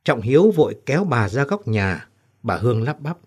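A man narrating an audio story in a steady, measured way. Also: medium pitch, husky.

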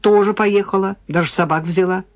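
A woman's voice: medium pitch, fairly quick, close to an everyday voice. A woman reading an audiobook, voicing a cheerful, chatty young woman who teases her friend. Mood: explaining. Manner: lively, chatty, playfully bossy. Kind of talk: audiobook character voice.

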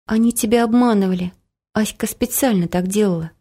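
A woman's voice: mid-range voice, brisk, dark tone, close to an everyday voice. A woman voicing an upset, stubborn little girl who pleads and protests in a storybook reading. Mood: earnest.

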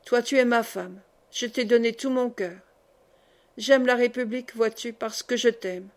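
An earnest young man, tender and grave with the girl he loves, read by a woman narrating a classic novel. His voice sits fairly high and the delivery stays close to an audiobook reader's own voice. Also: unhurried. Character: earnest young male worker, idealistic lover.

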